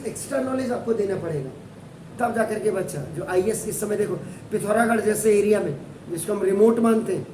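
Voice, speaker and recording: A man's voice: sits high, darkish tone, a little hiss or hum. A middle-aged man with an Indian accent, teaching a math word problem and moving between Hindi and English with emphatic, rambling delivery. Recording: echoey room from a distance.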